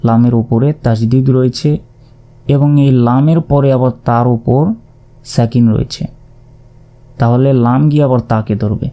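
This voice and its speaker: A man teaching Quran reading, spelling out letters and vowel marks one by one and repeating syllables in a calm lesson. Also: medium pitch, normal speed, pauses often. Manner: calm, repetitive syllable drilling.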